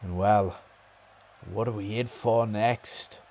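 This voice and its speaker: A man doing excitable play-by-play wrestling commentary, breaking into loud exclamations. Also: fairly low pitch, slow.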